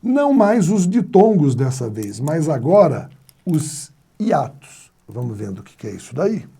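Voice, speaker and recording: Man, grammar teacher, animated pitch, dark husky voice. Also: a little slow. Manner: asks and answers his own questions, playful anecdotes. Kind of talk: classroom lecture on spelling rules.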